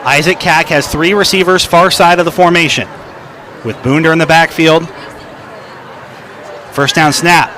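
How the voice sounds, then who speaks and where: A man calling high school football play-by-play on radio, his voice rising to a shout for an excited touchdown call. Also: a little slow, pauses often, slight background noise. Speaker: play-by-play announcer. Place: stadium broadcast booth. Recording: crowd behind, outdoor game ambience.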